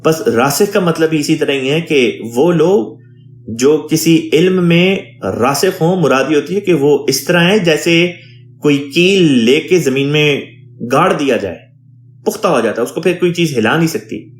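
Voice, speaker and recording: A man, an imam, teaching a Quran translation lesson, reading Arabic phrases and explaining each one in a measured teaching tone. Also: on the high side, lively intonation, echoey room.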